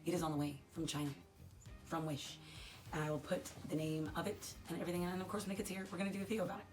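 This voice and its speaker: Woman, lowish voice, crackly dry throat, rambling self-deprecating vlog chat, faint music behind. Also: level tone, rapid-fire, darkish tone. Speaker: unboxing vlogger. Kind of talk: casual unboxing chat to camera.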